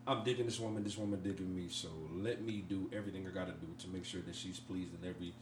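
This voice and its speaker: Loud cussing guy cohosting, laughs a lot, roomy echo and hum behind him. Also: low-pitched, fairly even intonation, quick pace, far from the mic. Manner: boisterous, profane, laughs often. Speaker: podcast co-host. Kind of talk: casual group chat. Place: room with several people.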